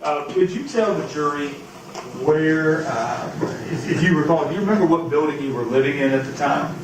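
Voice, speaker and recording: A man questioning a witness as an attorney, in a halting, folksy, courteous and conversational way. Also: on the high side. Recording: roomy, distant, noisy courtroom pickup.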